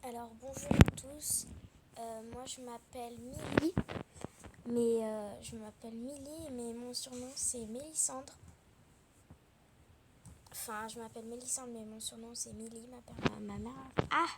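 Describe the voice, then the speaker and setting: A woman's voice: on the high side, steady tone, measured pace, very noisy, close to an everyday voice. A young female speaker voicing a shy new schoolgirl in a game role-play, polite and hesitant, stumbling over her words. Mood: nervous.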